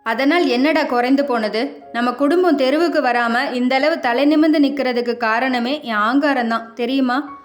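A woman voicing a proud, sharp-tongued elderly mother over 60 who talks in a domineering, cutting way in a storybook reading. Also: sits high, normal speed, soft background music, natural voice. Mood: defiant.

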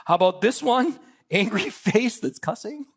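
A man's voice: high-pitched, animated, measured pace, breathy edge. A man preaching a sermon as pastor, leading the church in a playful audience exercise. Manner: upbeat, leads audience participation with laughs.

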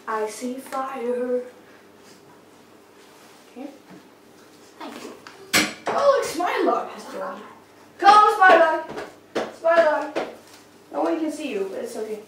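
Cosplay skit: young woman playing hyper, goofy young male masked villain; high, bouncy voice, recorded from afar in an echoey kitchen. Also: takes it slowly, pauses often, full character voice. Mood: giddy. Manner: bubbly, scatterbrained, excitable. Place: home kitchen, indoors. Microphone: far camera. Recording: roomy kitchen, far camera, noisy.

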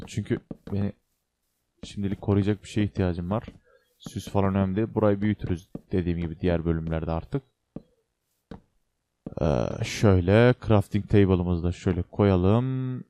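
A man's voice: deep voice, dark tone, slight background noise. A young man hosting a casual game let's play, chatting to viewers and to the creatures on screen with joking exclamations. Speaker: gaming channel host.

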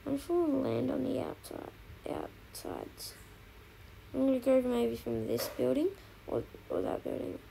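Excitable gravelly-voiced woman streaming a game. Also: sits high, unhurried, slight background noise, low-quality recording. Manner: excitable, repeats phrases, talks to chat. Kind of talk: casual gameplay commentary.

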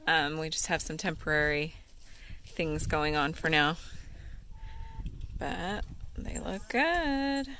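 A woman's voice: low-pitched, slow, long pauses, bright, forceful tone, slight background noise. A woman giving casual, easygoing vlog narration outdoors on a farm. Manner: easygoing, with fillers. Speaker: vlogger.

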